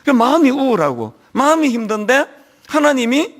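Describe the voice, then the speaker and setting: Lively high-voiced male pastor preaching. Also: normal speed. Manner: animated storytelling, acting out quoted voices. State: lingering slight cold. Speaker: senior pastor. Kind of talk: sermon. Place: church.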